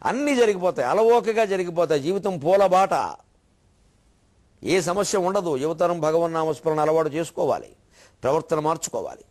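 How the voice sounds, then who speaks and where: Emphatic, high-voiced male preacher. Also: expressive, moderate pace, a little mellow. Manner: emphatic, acts out quoted voices; preachy with wordplay and rhetorical questions. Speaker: spiritual speaker. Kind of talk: devotional discourse.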